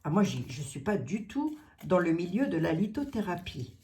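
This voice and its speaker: A chatty middle-aged woman hosts a casual unboxing for her viewers. She thinks aloud as she goes, repeating words and filling pauses. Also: on the low side, big pitch swings, darkish tone, slight background noise. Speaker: psychic channel host opening gifts.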